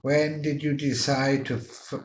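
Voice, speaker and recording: A man's voice: on the high side, flat delivery, unhurried, a little hiss or hum. A male English teacher giving a one-on-one lesson, patiently prompting and encouraging his student.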